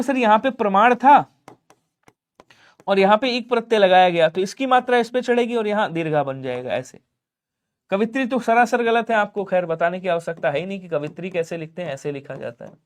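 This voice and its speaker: A man teaching an online exam-prep grammar lesson, explaining step by step and asking his students questions that he answers himself. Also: high voice. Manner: urges viewers to like and subscribe.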